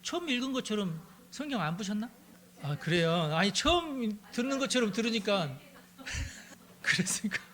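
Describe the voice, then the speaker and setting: A pastor teaching a Bible study, retelling the story in a lively, conversational way and acting out the characters as he goes. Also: high voice, normal speed. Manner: animated, acts out the characters in the story.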